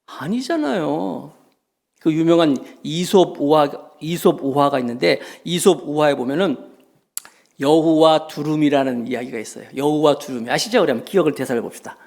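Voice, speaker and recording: A middle-aged male pastor preaching a sermon emphatically, swinging between loud exclamations and hushed remarks. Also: fairly high pitch, normal speed, gravelly. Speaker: senior pastor.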